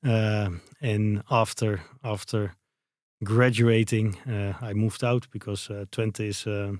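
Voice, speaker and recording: A Dutch company founder in his thirties, a native Dutch speaker from the Netherlands, answers interview questions as a guest in English with a Dutch accent. He's hesitant, searching for words and using many fillers. His fairly low, slightly mellow voice has little pitch movement and a slow pace, recorded with clean studio sound and no echo.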